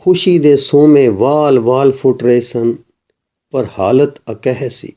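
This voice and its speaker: A male narrator reads literary spiritual prose slowly and solemnly, at a middle pitch. The recording sounds dull and lo-fi.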